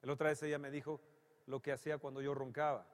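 A man preaching a sermon, dramatic and humorous, swinging from hushed passages to loud exclamations. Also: mid-range voice, level tone, fast talker. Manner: humorous storytelling. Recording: long reverb from a large hall.

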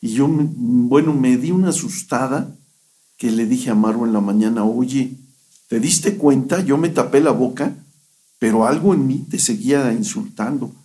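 A man's voice: medium pitch, moderate pace, mellow. A middle-aged man giving an earnest personal testimony in a radio interview, often acting out what he said back then. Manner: earnest storytelling, often re-enacting his own past words.

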